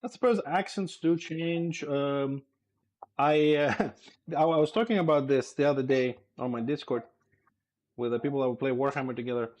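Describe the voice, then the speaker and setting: Cooking at home during a live stream, an easygoing man from Greece chats informally and laughs a lot. Greek is his first language, and his English carries a slight lisp; his voice is medium-pitched and somewhat dark, at normal speed.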